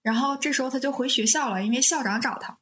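A young woman with a higher-pitched voice, chatting casually. She rambles along, corrects her own slips and laughs often. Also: fast, a bit bright. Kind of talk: casual chat, retelling a TV drama plot.

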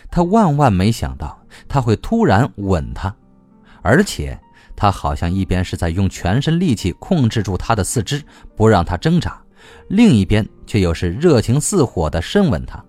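Lively, low-voiced male audiobook narrator. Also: normal speed, faint music behind. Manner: lively, expressive reading.

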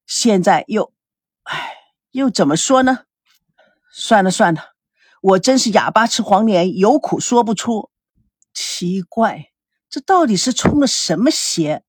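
A woman's voice: mid-range voice, slightly rough, no room sound, clean studio sound. A woman voicing a harried young male manager who talks in an exasperated, sighing way.

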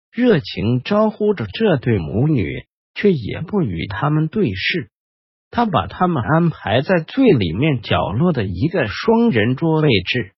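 A man hosting and narrating a ghost story in a slow, hushed storytelling manner. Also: mid-range voice, slightly rough, dry recording, lo-fi sound. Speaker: host and storyteller.

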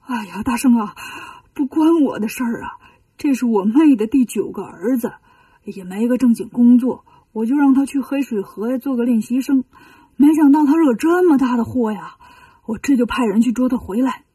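A woman voicing a flustered old dragon king in a children's storybook, his voice mellow and breathy and set a little back from the mic. He fusses and pleads, half in a whisper, and drops low with age. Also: moderate pace, no room sound, distant mic. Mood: pleading. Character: elderly male dragon king, timid and flustered.

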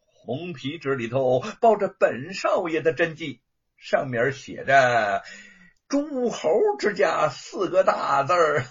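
A cackling, spoiled young lordling, as a man puts him on mocks his rival in a storybook tale. The voice rides high and swoops wildly up and down, with a husky, breathy grain. The recording sounds dull and muffled. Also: sing-song, takes it slowly, fairly bright tone, full character voice. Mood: gloating. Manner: taunting, cackling, sneering. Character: gloating spoiled young male lordling, cruel mocker.

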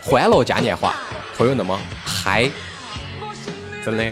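Unhurried and expressive, this fairly low-pitched man from Sichuan hosts a talk show in his regional accent and colloquial dialect. He chats casually, telling stories and posing rhetorical questions about local radio and music, while music plays behind his voice.

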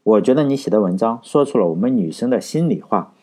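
Storybook role: a shy young woman fan, tender and husky, read by a man. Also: on the low side, expressive, quick pace, dark tone. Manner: tender, admiring.

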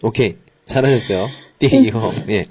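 A man's voice: lowish voice, normal speed, a little mellow, breathy edge. A man teaching a conversational online language class, mixing with Mandarin words and often murmuring short acknowledgments. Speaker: Korean language teacher hosting a live class. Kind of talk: conversational online lesson with learners.

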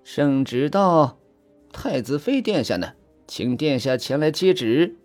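A storyteller voicing a young male palace eunuch, smug and officious, who speaks in a slow, pompous drawl in an audiobook. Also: medium pitch, animated, a little mellow, faint music behind, pitched below the performer's own voice. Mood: formal proclaiming.

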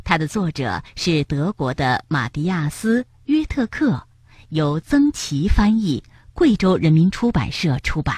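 A woman reads a children's picture book in a gentle, expressive way. Her breathy voice moves a lot in pitch at an unhurried pace, recorded close and dry. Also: dry recording. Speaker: children's storyteller.

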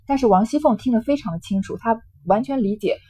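A woman's voice: fairly high pitch, fast talker, dark tone, slight background noise. A woman explaining a classic novel, retelling its scenes in a conversational way with small fillers. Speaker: literature lecturer.

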